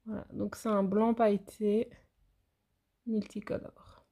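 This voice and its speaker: A woman talks through a beauty haul in a loose, chatty way. She pauses often on fillers and keeps turning to address her viewers directly. Her voice carries a noticeable gravelly fry and sits at an ordinary middle pitch. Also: flat delivery, dark tone. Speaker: nail educator. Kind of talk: casual product haul vlog.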